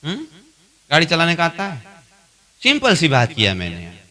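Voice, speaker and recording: A man's voice: on the high side, wildly swooping pitch, normal speed. A man leading a spiritual training class, repeating his points, asking the class questions and acting out both sides of an argument. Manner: acts out both sides of a dialogue, louder as it escalates.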